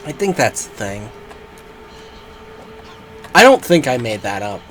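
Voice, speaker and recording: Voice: mid-range voice, big pitch swings, measured pace, a bit bright, soft background music. A game streamer giving casual live gameplay commentary in a joking, rambling, profane way.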